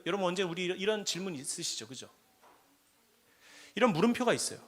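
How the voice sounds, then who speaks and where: A man preaching a sermon at a prayer meeting, asking the congregation questions and swinging between quiet asides and loud, impassioned cries. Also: sits high, lively intonation, a little fast.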